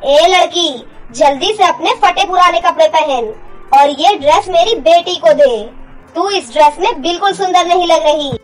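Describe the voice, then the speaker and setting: A woman's voice: very high-pitched, normal speed, faint music behind, poor audio. A woman playing a harsh, cruel stepmother in a cartoon story, scolding with contempt.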